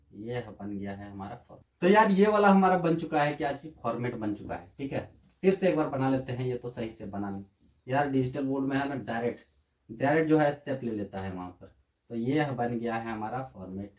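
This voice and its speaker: A male math teacher explaining at a digital board in a casual, repetitive way, often asking the class rhetorical questions. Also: on the high side. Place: room, drawing on a digital board. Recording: echoey, dull lo-fi sound.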